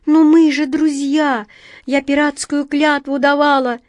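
Brief: a high, shrill storybook squirrel, small and pleading, as a woman reads her, dry close sound. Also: level tone, unhurried, darkish tone, no echo. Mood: desperate. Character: small desperate female squirrel, lonely and pleading. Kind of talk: storybook reading.

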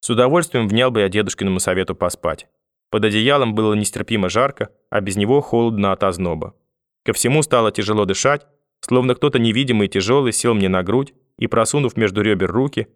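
A man narrating a first-person story for an audiobook in a measured, wry way. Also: lowish voice, no room sound, clean studio sound.

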